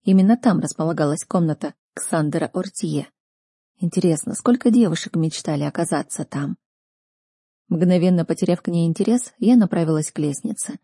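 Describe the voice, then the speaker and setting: Female audiobook narrator: expressive and dramatic, husky low voice, dry close-miked sound. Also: brisk, no echo. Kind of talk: first-person audiobook narration.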